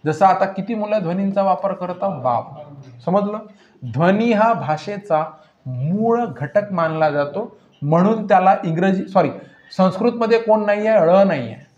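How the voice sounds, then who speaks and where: A male teacher with a high voice runs a grammar lesson, firing questions and answering them himself, drilling each point by repetition. The recording is roomy and echoey, with a dull, lo-fi sound. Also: normal speed, a little mellow.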